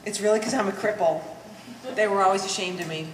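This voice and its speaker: On stage in a live play, a woman portrays a bitter, bookish adult daughter full of resentment and wordy sarcasm. She talks fast in a mid-range, fairly even voice close to her everyday one, captured by a distant mic in an echoey hall with faint noise.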